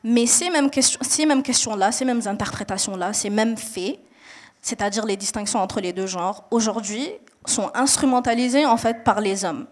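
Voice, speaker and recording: A young woman with roots in Mali and Niger who grew up in Saudi Arabia answers a panel question at a normal pace, her voice on the high side. She explains earnestly, hesitating often and restarting her sentences.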